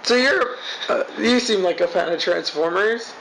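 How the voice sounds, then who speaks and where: Gravelly, high-voiced young male host. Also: moderate pace, heavy background noise. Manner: laughs often, teasing questions. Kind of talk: casual movie review chat.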